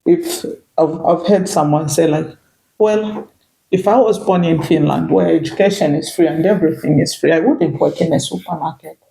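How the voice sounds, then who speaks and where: A middle-aged Zambian woman, a native Bemba speaker with a Zambian accent, chats reflectively as a guest in a casual interview, circling her points with "you know." Her low, creaky, dark voice moves at normal speed, and the room sounds echoey.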